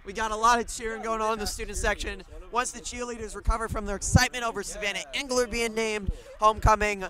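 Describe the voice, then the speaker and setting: A man's voice: high-pitched, fairly even intonation, fast talker, pushed and bright. A young man doing live, chatty sports broadcast commentary from a set at a stadium, bantering with guests. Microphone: handheld broadcast mic.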